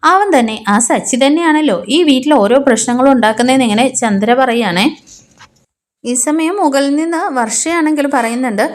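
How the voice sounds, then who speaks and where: Chatty high-voiced woman retelling a serial. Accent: Malayali. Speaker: serial promo narrator. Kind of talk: casual retelling of a TV serial episode.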